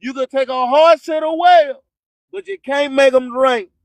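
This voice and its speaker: An American radio host preaches spiritual motivation in a declamatory, repetitive, rhyming style. His voice is extremely high-pitched and unhurried, recorded with no room sound.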